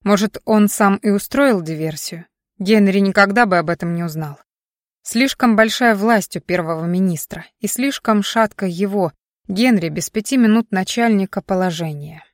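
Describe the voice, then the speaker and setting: Measured woman audiobook narrator, dry close sound. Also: medium pitch, no echo.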